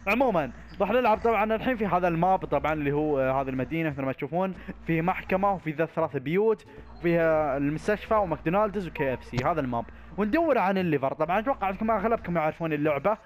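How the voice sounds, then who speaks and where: Rapid, high-voiced young gaming host. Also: male voice. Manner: excitable, shouts and laughs while bossing his friends around. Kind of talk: Minecraft let's-play commentary with friends.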